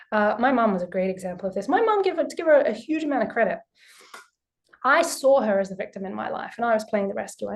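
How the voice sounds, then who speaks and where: Young woman teacher on a video call, higher voice, blunt and emphatic, swears freely. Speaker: spiritual teacher. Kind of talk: live online class talk.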